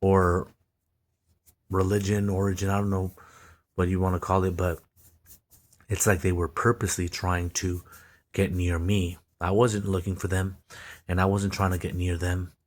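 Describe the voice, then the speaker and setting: A man with a low, flat voice reads a text aloud and remarks on it for his video blog. He is Mexican American, a native Spanish speaker, and his delivery is halting, with repeated words and restarts.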